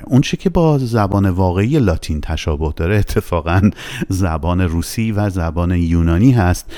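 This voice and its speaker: A patient male language teacher, explaining letters and sounding out example words slowly and deliberately. His voice sits very low, yet it rises and falls a great deal as he stresses points. The tone is dark and mellow. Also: no room sound. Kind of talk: recorded Russian lesson in Persian.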